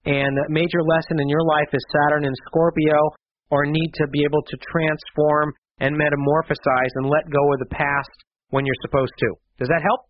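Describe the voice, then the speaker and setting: A man's voice: on the high side, level tone, normal speed. A man hosting a call-in radio show, giving chatty, reassuring astrology readings to callers. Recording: slightly dull radio broadcast.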